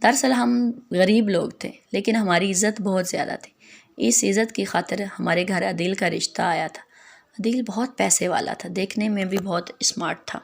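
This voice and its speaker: A woman's voice: medium pitch, creaky. A woman narrating a dramatic story in the first person, in a plain, earnest way.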